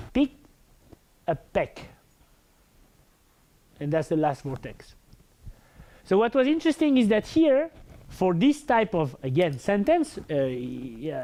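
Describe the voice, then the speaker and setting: A researcher lectures in an academic setting, a man with a French accent whose big, full voice sits high and sounds mellow. His delivery is hesitant, full of fillers and restarts.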